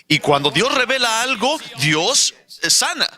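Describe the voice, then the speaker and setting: A man interpreting a sermon, telling a healing story in an animated way with light laughs. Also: very high voice, measured pace, a crowd in the background. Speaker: interpreter of a preacher. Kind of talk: sermon testimony.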